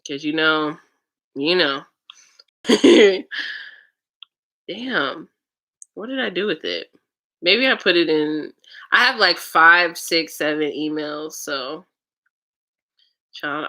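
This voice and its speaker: A woman's voice: sits low, slow pace, long pauses, sharp tone. A young woman telling casual stories in a vlog, chatty and frank, swearing and laughing often. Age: young adult. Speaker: vlogger.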